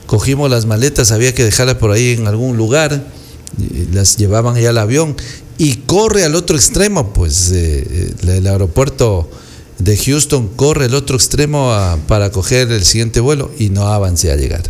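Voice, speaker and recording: A man's voice: medium pitch, animated, a little mellow, a little hiss or hum. Man telling anecdotes. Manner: unhurried, meandering storyteller. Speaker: guest, an architect.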